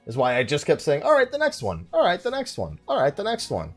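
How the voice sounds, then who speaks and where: A gaming YouTuber hosts a let's play, giving casual commentary as he rambles and thinks aloud while playing. His voice is on the high side with huge pitch swings, and he talks briskly. Soft music plays in the background.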